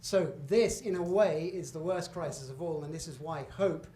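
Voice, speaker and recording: A middle-aged British guest lecturer with a mellow, slightly high voice speaks at a normal pace, giving a public slide lecture in a lecture hall. His delivery is conversational and emphatic, full of asides and self-corrections. The hall is echoey, with faint room noise.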